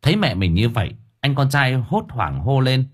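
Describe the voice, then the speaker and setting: A man narrating an audiobook story in a lively, expressive way. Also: mid-range voice, normal speed, husky.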